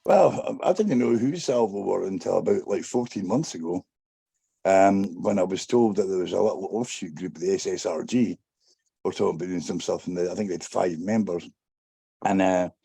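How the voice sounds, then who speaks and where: A man with a very dark, low voice talks haltingly as an interview guest. It is rough and creaky, with long hesitations. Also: dry recording. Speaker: panel guest. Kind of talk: casual interview talk.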